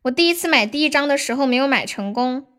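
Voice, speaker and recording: A woman's voice: high-pitched, animated, fast, fairly bright tone. A young woman, live streaming in a playful, cutesy way with melodramatic pleas. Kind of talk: casual livestream chat. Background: background music.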